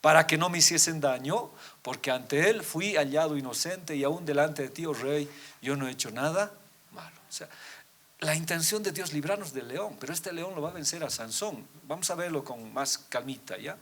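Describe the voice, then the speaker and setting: A man preaching a sermon to his congregation, reading scripture aloud and asking rhetorical questions, swinging between loud emphatic peaks and quiet low drops. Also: lively intonation. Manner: addresses listeners as brothers, asks rhetorical questions; reads scripture aloud, often slowing down. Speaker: pastor.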